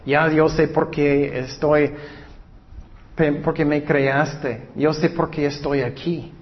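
A man's voice: on the high side, steady tone, slow. A man preaching a sermon in an earnest way, putting rhetorical questions to his listeners. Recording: dull lo-fi recording.

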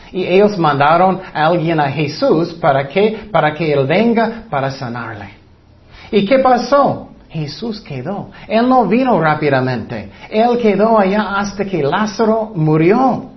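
A man's voice: on the high side, expressive, takes it slowly. A man preaching a sermon, earnest and teaching, with light self-deprecating humor. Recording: dull lo-fi recording.

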